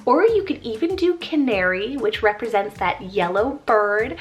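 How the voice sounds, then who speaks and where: A woman's voice: a little high, expressive, moderate pace. A woman hosting a baby name video, spelling out each name and gushing about how much she loves them. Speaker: host of a baby name channel. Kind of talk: casual scripted list video.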